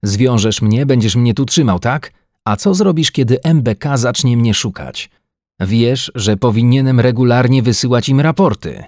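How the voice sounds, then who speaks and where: A man's voice: lowish voice, normal speed, darkish tone, no echo, clean studio sound. A man voicing an agitated, frightened Earthman scientist in a science-fiction audiobook, pleading and near-hysterical. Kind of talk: audiobook character voice.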